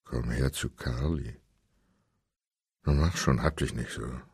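A man voicing a menacing male captor who speaks low and pressed in a coaxing singsong. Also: slow pace, gravelly, a little mellow, husky, no room sound, studio quality, full character voice. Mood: coaxing, sinister.

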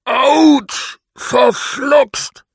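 A man's voice: mid-range voice, big pitch swings, slow, dry recording, clean studio sound. A man voicing a grumpy, greedy male badger who snarls and bosses others around, for a children's audiobook. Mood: trapped, demanding. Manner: snarling, bossy.

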